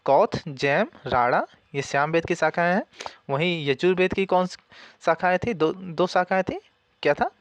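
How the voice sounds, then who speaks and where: A man's voice: high voice, expressive, moderate pace, dry recording. A man giving a casual spoken exam-prep lesson, asking questions and answering them himself, and repeating key points. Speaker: exam coaching teacher.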